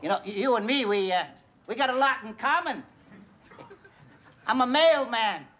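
An actor playing a hard-of-hearing, gruff mailman in his seventies, in a 1970s sitcom. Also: very high-pitched, expressive, moderate pace. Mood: cranky. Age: 70s. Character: deaf cranky old mailman, 74. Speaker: retired mailman neighbor. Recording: hissy 1970s TV broadcast.

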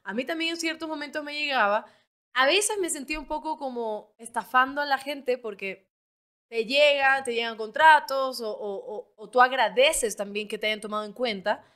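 A woman's voice: high voice, moderate pace, a bit bright, clean tone. Chatty Ecuadorian woman host. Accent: Ecuadorian Spanish. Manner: chatty, emphatic, frequent restarts. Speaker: podcast host. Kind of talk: casual interview chat.

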